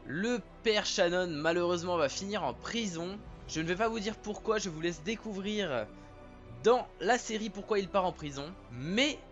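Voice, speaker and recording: A man with a notably high voice chats casually to his audience while presenting a TV series. The recording is dull and lo-fi, with faint music playing underneath. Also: a bit bright. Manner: chatty, addresses viewers directly. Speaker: series review vlogger. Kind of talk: casual show review.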